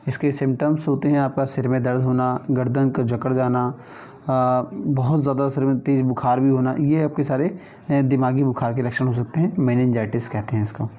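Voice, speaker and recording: A man with a mellow, darker voice leads an exam-prep lesson. He talks through each question in a conversational teaching manner, regularly pausing to check in with his students. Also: mid-range voice, steady tone.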